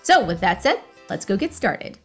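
A woman in her thirties hosting a tech review show, energetic and upbeat, speaking from a room at home. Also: medium pitch, husky, soft background music. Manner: energetic, quick affirmations. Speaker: host. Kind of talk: upbeat show intro and interviewing. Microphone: webcam, video call.

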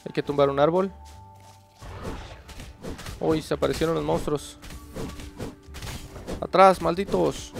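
A man's voice: fairly high pitch, gravelly. A man chatting casually to viewers while playing a game, talking to himself and to creatures on screen. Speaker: gaming channel host. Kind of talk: casual gameplay commentary.

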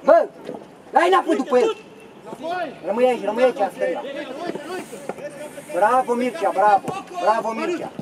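High-voiced man shouting on a pitch. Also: lively intonation, pauses often. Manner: urgent, calling teammates by name. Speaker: amateur footballer. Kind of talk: shouting on the pitch during a match. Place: outdoor football pitch. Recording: loud crowd and outdoor noise.

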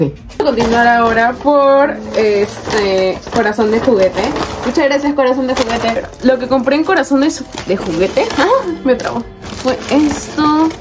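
A young woman chatting casually as she unboxes toys, excitable, often squealing over cute little figures. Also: on the high side. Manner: chatty, uses many diminutives. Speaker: toy collector vlogger.

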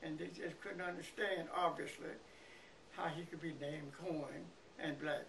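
Sitting indoors by a living room window, a Mississippi man of around a hundred with a Southern US accent reminisces in an interview, halting, pausing and repeating words. His aged, creaky voice is fairly high and fairly bright, with fairly even intonation. A camera a few feet away captures a noisy, distant room recording.

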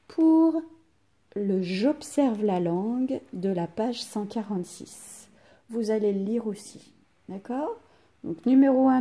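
Teacher, female, recorded home lesson for children: slow, mellow, slightly husky delivery, sounds drawn out. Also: a little high. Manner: slow, clearly articulated, stretches out sounds. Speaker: primary school teacher. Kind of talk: recorded reading lesson for young pupils.

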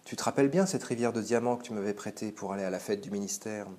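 A man's voice: on the low side, fast talker, a little mellow, close to an everyday voice. A man reading as a proud worn-down poor Parisian woman. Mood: confessing.

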